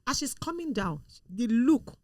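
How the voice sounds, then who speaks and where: A woman in a casual discussion, telling stories with animated acted-out quotes. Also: a little high, unhurried, no echo, clean studio sound. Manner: animated storyteller, acts out quoted people. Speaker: show guest.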